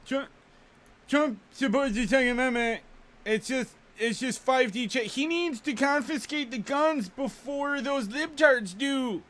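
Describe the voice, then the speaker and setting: Man doing a sarcastic gun-rights dude voice, way up high, overdone. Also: a little slow, fairly bright tone. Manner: sarcastic, exaggerated.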